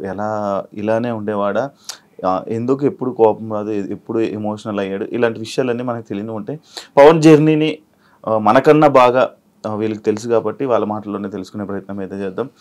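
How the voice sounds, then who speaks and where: A man hosting an interview, asking many short, lively questions. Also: lowish voice. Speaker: interview host. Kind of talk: casual interview.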